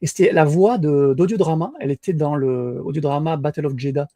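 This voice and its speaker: A man's voice: on the high side, fairly quick, warm tone. A man co-hosting a podcast in casual chat, hesitant with many fillers and restarts. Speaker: podcast co-host.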